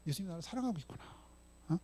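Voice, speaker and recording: A man's voice: high voice, lively intonation, very fast, dark tone, slightly rough. A male pastor preaching a sermon in a casual, conversational way, often checking in with the congregation. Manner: voices his own lines for Jesus in dialogue.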